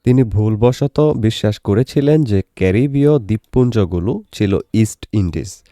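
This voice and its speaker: Low, mellow Bangladeshi male tutor. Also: animated, dry recording, studio quality. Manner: reads English lines slowly word by word. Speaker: English teacher. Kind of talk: tutorial lesson.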